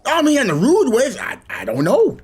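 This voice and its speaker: A man's voice: very high voice, fairly quick, faint music behind. A man streaming a game, telling a long rambling story in casual chat and acting out the people in it. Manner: rambling, animated storytelling with voiced quotes. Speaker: gaming streamer. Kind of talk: casual chat while gaming.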